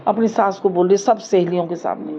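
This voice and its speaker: A woman's voice: mid-range voice, steady tone, fairly quick, warm tone. A woman telling a family story in a loose, casual way, with many fillers and restarts. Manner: loose, repetitive, with filler words. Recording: dull audio with faint room noise.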